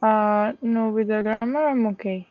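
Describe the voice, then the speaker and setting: A woman's voice: mid-range voice, steady tone. A woman student with a Mexican accent, asking hesitant questions in an online class. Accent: Mexican Spanish. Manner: hesitant, asks questions slowly. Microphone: video call. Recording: dry, slightly muffled video call audio.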